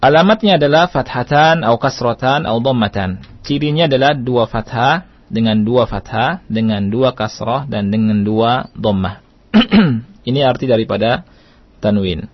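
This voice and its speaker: With a husky, expressive mid-range voice, a man from Indonesia teaches recitation rules on the radio, patiently going over key points again and occasionally easing into a slow, careful chant. His pace is deliberate and unhurried, and the recording sounds dry and slightly muffled.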